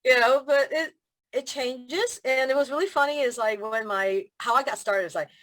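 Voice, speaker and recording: A female feng shui consultant from Hong Kong talks as a guest on a video call, her high voice moving at a moderate pace. It's a casual interview chat where she laughs a lot and voices the people in her stories.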